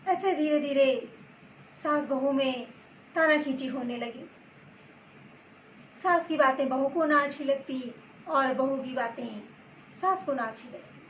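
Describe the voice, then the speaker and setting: A woman telling a story to her channel's viewers in gentle, halting phrases, with roomy echo and faint background noise. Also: sits high. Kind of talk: storytelling narration.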